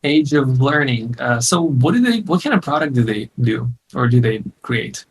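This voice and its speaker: A man's voice: medium pitch, lively intonation, moderate pace. A man hosting a casual online interview, upbeat and chatty, laughing easily. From came to the US in 2009. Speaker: host and course founder.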